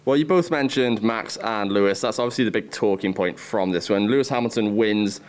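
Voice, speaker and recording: A man's voice: on the low side, a little fast. A Welsh man hosting a podcast, steering the discussion with questions. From Wales. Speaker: podcast host.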